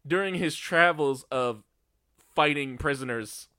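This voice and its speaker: A man co-hosting a casual movie chat, recapping the plot in a profane, deadpan way. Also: fairly high pitch, a little slow, dry recording, clean studio sound. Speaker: podcast co-host.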